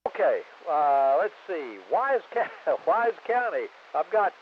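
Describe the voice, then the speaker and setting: A man with a slightly high voice runs a radio net through a dull transmission with faint hiss. He is easygoing and thinks aloud as he goes. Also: very animated, slow pace. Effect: two-way radio transmission. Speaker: amateur radio net control operator. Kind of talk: casual radio net check-in. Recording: muffled, hissy radio transmission.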